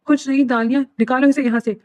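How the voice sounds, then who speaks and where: A woman's voice: sits high, fairly even intonation, warm tone, no room sound, lightly acted. A woman voicing a young man who grieves for his injured brother and turns harsh and bitter. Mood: furious.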